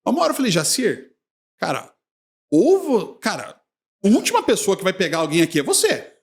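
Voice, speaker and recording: Animated storytelling man, high lively voice. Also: a little fast. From Brazil. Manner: animated anecdote-telling, laughs often. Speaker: podcast guest, sports journalist. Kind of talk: casual storytelling chat.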